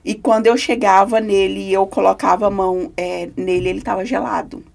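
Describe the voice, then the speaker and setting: A woman's voice: medium pitch, fairly even intonation, brisk, creaky, darkish tone. A woman, a podcast guest giving an earnest, emotional personal testimony.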